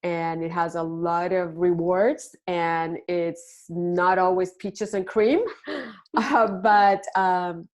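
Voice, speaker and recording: A middle-aged woman from Puerto Rico, a parenting expert answering interview questions with hesitant pauses and many ums. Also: lowish voice, fairly even intonation. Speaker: podcast guest, parenting expert.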